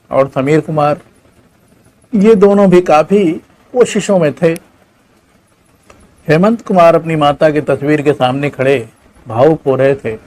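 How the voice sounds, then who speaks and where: A man's voice: medium pitch, darkish tone, rough recording. Man telling a mock-solemn satirical story. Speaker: satirist presenting his own channel.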